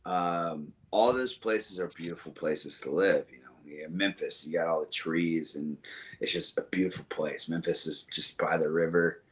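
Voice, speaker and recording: A young man from the American South with a very low voice talks as a guest in a relaxed interview. He rambles fondly, stopping and restarting with plenty of fillers. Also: moderate pace. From Southern United States. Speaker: musician guest. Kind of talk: casual interview chat.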